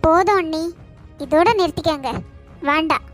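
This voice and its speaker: A woman's voice: extremely high pitch, moderate pace, fairly bright tone. A woman voicing a kind, protective aunt in a cartoon, speaking in a soothing, affectionate way. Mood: pleading. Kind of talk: cartoon voice acting. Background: faint background music.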